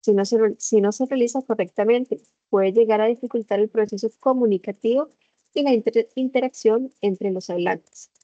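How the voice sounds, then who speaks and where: A woman teaching a lesson over a video call, explaining slowly and putting questions to the class. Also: on the high side, warm tone, no room sound. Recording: slightly dull video call audio.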